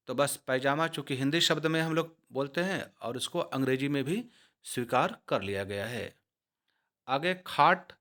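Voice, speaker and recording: A man's voice: fairly high pitch, a bit bright. A man giving a casual lesson on Hindi words found in English, spelling words out letter by letter and talking straight to his viewers. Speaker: teacher explaining Hindi words used in English.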